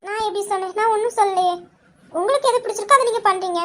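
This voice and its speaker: A woman playing a sharp-tongued, stubborn young wife in a comic couple skit, scolding with indignant quick retorts. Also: very high-pitched.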